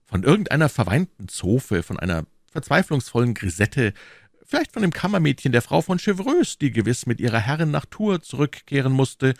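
Man doing a young musketeer, spirited, teasing, lively melody, dry close mic. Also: medium pitch, moderate pace, gravelly, no echo, voice pushed up. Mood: earnest. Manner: earnest, then wry and teasing. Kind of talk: audiobook character voice.

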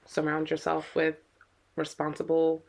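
A woman's voice: sits low, completely flat delivery, unhurried, creaky, darkish tone. A middle-aged woman co-hosting a podcast as a mother, talking earnestly and with worry, often repeating her words. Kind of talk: casual podcast chat.

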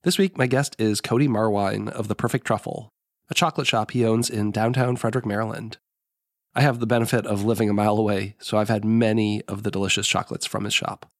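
A middle-aged American man hosts a podcast in a nasal, allergy-congested voice with a gravelly edge. He reads his scripted monologue over a close, dry recording. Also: on the low side, steady tone, fast, dry recording. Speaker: podcast host. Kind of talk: scripted podcast introduction and sponsor read.

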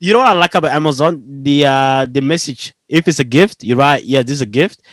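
A young man, chatting casually and telling animated, slangy anecdotes with a giggly streak. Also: a little high, brisk, no room sound. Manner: slangy, says bro often, giggly storyteller.

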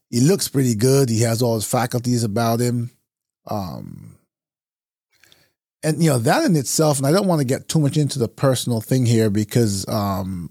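A man from Barbados hosts his own podcast alone, talking in a relaxed, reflective way and pausing on fillers as he thinks. His voice sits at a middle pitch and is recorded dry and close, with no room sound. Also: dry recording. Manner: reflective, conversational, with frequent fillers. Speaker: podcast host. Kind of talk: casual solo podcast talk.

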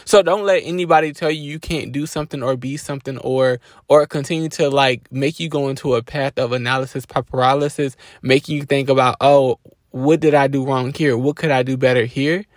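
A man hosting a podcast, giving a casual faith-based motivational talk with a relaxed, preachy delivery and frequent restarts. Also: mid-range voice, a little fast, dry recording, studio quality. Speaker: podcast host.

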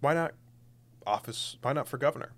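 A man's voice: medium pitch, fairly quick, fairly bright tone. A young man, co-hosting a podcast in casual political chat, emphatic and sarcastic. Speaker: podcast co-host.

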